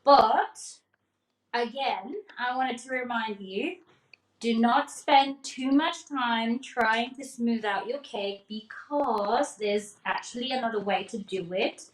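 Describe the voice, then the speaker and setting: Brief: higher-pitched woman, cake decorating instructor, chatty live demo with frequent "okay?" checks, echoey kitchen. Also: slow. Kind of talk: live demonstration, casual teaching. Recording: echoey room.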